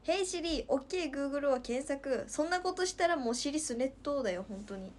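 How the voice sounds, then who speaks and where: This Nagasaki-born woman in her twenties talks briskly in a high, lively voice, joking and giggling with livestream viewers from her room at home. Her speech carries the Nagasaki dialect, and there's a little hiss or hum.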